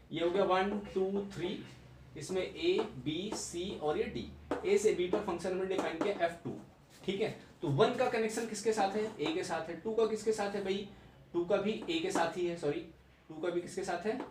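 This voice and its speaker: A young man teaching maths in a classroom-style lecture, repeating key points and checking understanding with rhetorical questions. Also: high-pitched. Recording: echoey room, mic at a distance, background noise.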